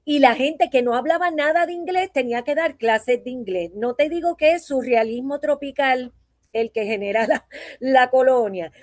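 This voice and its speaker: A Puerto Rican woman speaks with a high, dark-toned voice, recorded dry with studio quality. She is a voice teacher giving a conversational conference talk in Puerto Rican Spanish-accented speech, frequently checking in with listeners through tag questions.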